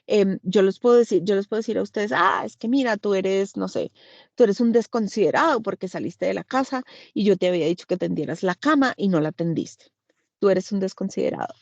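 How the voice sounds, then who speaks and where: Woman, Colombian accent, psychologist, parent workshop, fry in the voice, dry lo-fi sound. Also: mid-range voice, warm tone, dry recording. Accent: Colombian Spanish. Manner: conversational, many fillers, acts out example dialogues. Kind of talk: informal talk to parents. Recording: dull, lo-fi sound.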